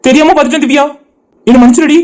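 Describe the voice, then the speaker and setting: A woman's voice: sits high, fairly even intonation, rapid-fire, a little mellow, slight background noise, close to an everyday voice. A woman voicing a soothing, pleading young village woman in her twenties in a cartoon, with a Tirunelveli Tamil accent. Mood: chatty.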